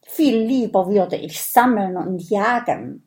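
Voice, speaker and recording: A woman's voice: mid-range voice, lively intonation, takes it slowly, a little mellow. A woman voicing a spirited young native girl who rants indignantly, in a children's audiobook. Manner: indignant, ranting.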